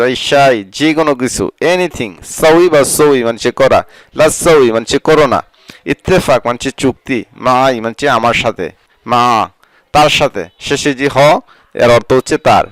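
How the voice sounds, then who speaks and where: A man's voice: medium pitch, a bit bright, no echo. A man teaching a scripted vocabulary lesson, saying each phrase, repeating it and explaining its meaning. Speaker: language teacher.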